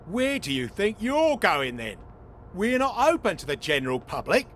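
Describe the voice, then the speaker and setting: An actor playing a gruff, belligerent British male lab guard in a video game. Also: high-pitched, big pitch swings, normal speed, fairly bright tone, slight background noise. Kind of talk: video game character dialogue.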